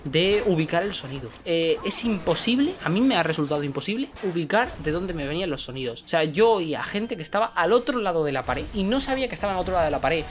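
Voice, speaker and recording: A man with a Spain Spanish accent reviewing a video game in a casual, animated way, repeating words for emphasis. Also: high-pitched, slight background noise.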